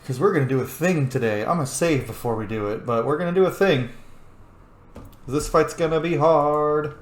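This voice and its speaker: A man with a fairly high voice, talking at normal speed in a reverberant space, hosts a let's play. His gameplay commentary is casual and sweary, and he chats informally to the game's characters as he goes.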